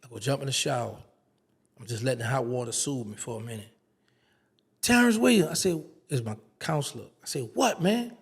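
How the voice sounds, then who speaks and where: A man's voice: mid-range voice, fast talker, gravelly, husky. A man, an interview guest telling a casual story and acting out the dialogue. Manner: animated storyteller, acts out quoted dialogue.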